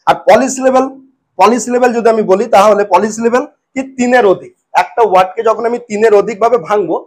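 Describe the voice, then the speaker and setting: High-voiced man teaching a lesson. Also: fairly even intonation. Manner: repeats words slowly and checks in often. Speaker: English teacher. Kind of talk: spoken lesson.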